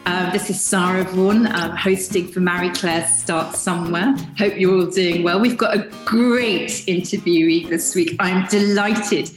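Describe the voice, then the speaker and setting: A woman's voice: on the low side, steady tone, unhurried, few pauses, reverberant, music in the background, poor audio. Woman hosting a podcast interview. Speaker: podcast host.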